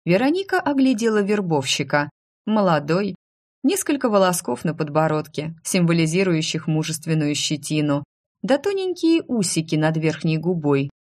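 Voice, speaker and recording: Low-voiced woman narrating a story. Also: sing-song, normal speed, darkish tone. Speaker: audiobook narrator.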